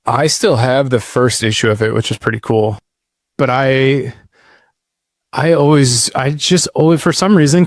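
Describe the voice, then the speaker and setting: In a laid-back, rambling casual interview, a podcast guest in his thirties tells his life story with lots of "like" and "dude." His mid-range voice has vocal fry, captured at studio quality with no echo.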